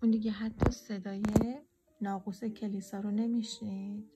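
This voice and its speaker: A woman reading a children's storybook aloud in a gentle, often half-whispered voice. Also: mid-range voice, little pitch movement. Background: soft instrumental music.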